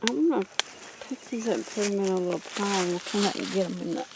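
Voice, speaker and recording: A woman's voice: medium pitch, quick pace. A middle-aged woman with a Southern US accent chatting casually and playfully as she explores the woods for a vlog. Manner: playful, teasing. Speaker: outdoor vlog co-host. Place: outdoors in woods. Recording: noisy outdoor field recording.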